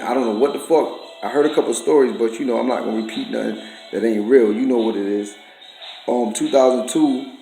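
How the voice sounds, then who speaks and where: Man, profane accusatory rant to camera, mid pitch, roomy echo, faint music. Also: warm tone. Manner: profane, accusatory, streetwise slang. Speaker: vlogger.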